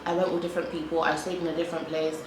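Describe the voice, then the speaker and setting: Speaking rapid-fire in a deep, flat voice, a young British woman vlogs to camera while eating. She's chatty, repeats herself and says "like" all the time. The recording is in an echoey room with a faint hum behind her.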